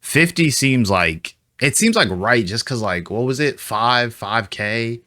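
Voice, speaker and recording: A man's voice: medium pitch, lively intonation, takes it slowly, bright, forceful tone, no echo, clean studio sound. A man streaming a casual reaction to a video, thinking aloud in a chatty way with lots of fillers.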